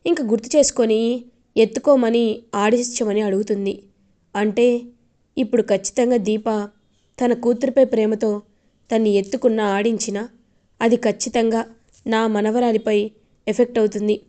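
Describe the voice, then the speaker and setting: A woman retelling the plot of a TV serial in a chatty, animated way. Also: a little high, normal speed, long pauses.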